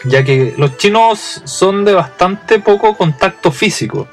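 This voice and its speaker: Chilean male host, young adult, a bit high-pitched, loose humorous storyteller. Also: expressive, measured pace, soft background music. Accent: Chilean Spanish. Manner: chatty and humorous, frequent restarts and fillers. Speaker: podcast host. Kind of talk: casual storytelling monologue.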